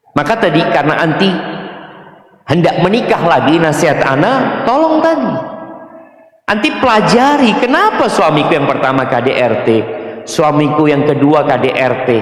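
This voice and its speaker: Animated preacher in an echoing hall. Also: male voice, high voice. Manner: animated, acts out husband and wife in voices; humorous storytelling, addresses the congregation. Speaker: Islamic preacher. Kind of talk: sermon question-and-answer. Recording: very echoey hall with long reverb.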